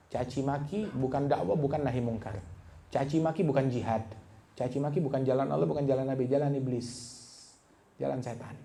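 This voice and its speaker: A man preaching a sermon at a religious gathering, emphatic and rhetorical, with sudden sharp stresses. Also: mid-range voice, gravelly.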